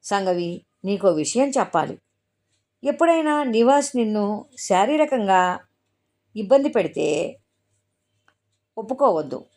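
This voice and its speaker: A woman's voice: mid-range voice, sing-song, measured pace, pauses often, a little mellow, voice pushed up. A woman narrator voicing an outspoken young woman friend who probes and gives advice. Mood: probing. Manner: probing, advising.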